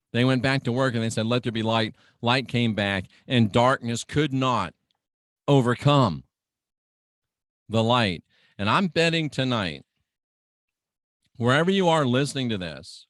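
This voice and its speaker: This middle-aged man, preacher and host of a radio show, hammers home his teaching dramatically, repeating phrases for emphasis. He has a medium-pitched, slightly bright voice, in studio quality with no room sound.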